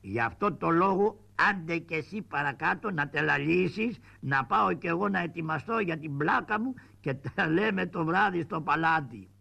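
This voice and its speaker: A scrappy, cheeky shadow-puppet trickster, as a man puts him on, with a gravelly, lowered voice and swooping, lively pitch. He talks back fast and mocking, with faint music behind him. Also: heavily acted. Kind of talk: shadow-puppet theatre acting.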